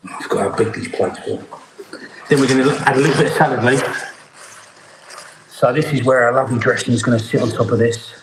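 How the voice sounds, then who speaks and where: Brief: man, head chef hosting a live cookalong, chatty and easygoing, middle pitch, echoey room. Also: steady tone, quick pace, long pauses, noisy background. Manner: chatty, talks while plating food. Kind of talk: live cooking demonstration. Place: kitchen.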